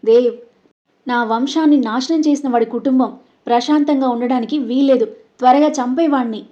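A woman voicing a furious, vengeful old grandmother who shouts commands in a storybook narration. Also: high voice, fairly quick, muffled recording, close to an everyday voice.

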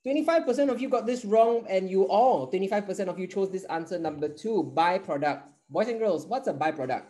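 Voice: mid-range voice, expressive, a little fast, warm tone, low-quality recording. A teacher runs a live online class in a playful, joking way and counts down to each answer.

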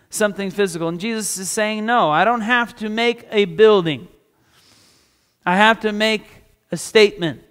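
A man preaches to a congregation, with a high, smooth, resonant voice. He dramatizes the quoted exchanges, climbing in pitch and volume. The sound carries a long reverb from a large hall. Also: a bit bright. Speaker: pastor. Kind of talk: sermon.

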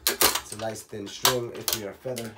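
Slightly hoarse man in a tutorial. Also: on the low side, moderate pace, loud music behind the voice. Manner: relaxed, talks through each step, counts aloud. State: slightly hoarse, losing his voice. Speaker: racket stringing instructor. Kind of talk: step-by-step how-to tutorial. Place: home workshop at night. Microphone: camera on a tripod.

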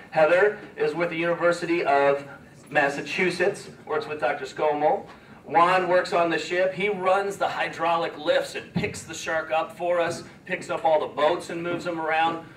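A man's voice: a little high, fairly bright tone, a little hiss or hum. Emotional man speaking in an echoey room. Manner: emotional, halting, earnest. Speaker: expedition leader. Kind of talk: speech to schoolchildren. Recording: echoey room from far off, faint ambience.

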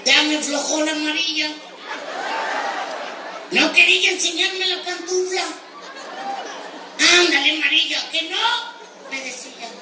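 Very high squeaky voice, Mexican accent, naive boastful ranch hand, roomy live venue, distant mic, crowd noise. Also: male voice, a little slow, long pauses. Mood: cheeky. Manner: high squeaky voice, bawdy punchlines, shouted outbursts. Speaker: stand-up comedian in character. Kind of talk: live comic monologue.

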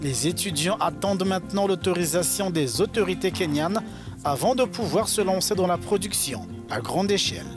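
A man reading a scripted news report as voice-over narrator, in a steady, even delivery. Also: high-pitched, moderate pace. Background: music.

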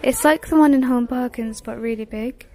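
Chatty and casual, a young woman vlogs her browse through a large home decor store on a handheld phone, reading out prices and at times whispering. Her voice leans high with a darkish tone, and she talks at a normal speed.

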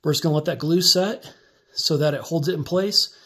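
A DIY tutorial maker with a slightly high voice walks through building a workbench, relaxed and step by step, speaking briskly. He casually explains each move as he works with his hands. A phone mounted above the bench records him indoors.

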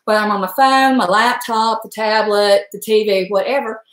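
Using a mid-range voice at a moderate pace, a woman in her forties with an Appalachian Virginia accent live streams herself cooking at her home stove. She rambles folksily, talking to her chat viewers, and the stove-side webcam captures an echoey kitchen.

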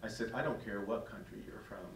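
A man's voice: fairly low pitch, fairly quick, background noise. A middle-aged man, a priest, telling a story to his parish in a conversational, chuckling way. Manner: conversational, chuckling as he tells stories. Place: church hall in front of an audience. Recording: echoey hall, distant mic.

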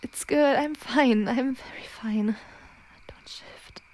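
A woman voices a frightened young werewolf girlfriend for an ASMR audio drama, struggling to hold back her change. Speaking very slowly in a fairly high, somewhat mellow voice, she stammers and pleads, nervous and evasive.

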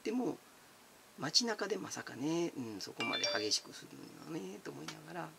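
A man's voice: a little high, very animated, brisk, gravelly, very noisy. A man, chatting casually as he answers viewer comments, giggly and talkative, calling himself by his nickname. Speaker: channel host.

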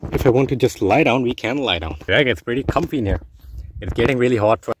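A young man chatting casually as a vlogger while filming from inside a blanket fort in a parked car, talking excitedly and saying guys constantly. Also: mid-range voice, fast, slight background noise. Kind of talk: casual vlog narration. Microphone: handheld phone camera.

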